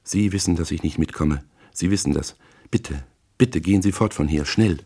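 A man voicing a frightened gangster's wife in an audiobook, speaking in a rough, urgent half-whisper. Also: low-pitched, normal speed. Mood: pleading. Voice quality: rough, hushed voice. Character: tense, frightened gangster's wife, adult woman. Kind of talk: audiobook character voice.

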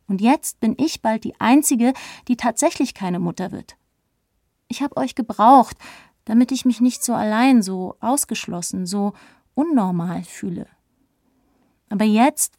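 A woman reads a first-person story aloud in a mellow, warm tone. Her delivery is reflective and earnest. The recording is dry and close, with no room around her. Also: mid-range voice, dry recording. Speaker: audiobook narrator. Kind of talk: first-person audiobook narration.

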